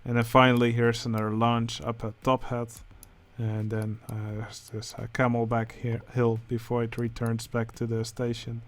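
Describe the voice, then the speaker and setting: Hosting his channel, a Dutch-accented man speaking English as a second language judges entries in a building contest for a game, commenting casually. His medium-pitched, monotone delivery is hesitant, with frequent pauses and many filler sounds.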